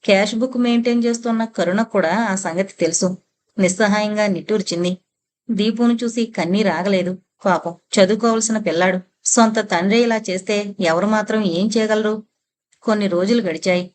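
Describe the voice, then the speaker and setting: Woman, audiobook narrator, audio novel, steady measured reading, mid pitch. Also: slight background noise.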